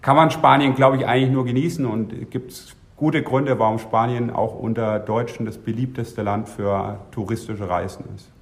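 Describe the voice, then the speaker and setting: A man's voice: mid-range voice, steady tone, moderate pace, few pauses. A man as an interview guest, speaking thoughtfully in a casual way with some hesitations.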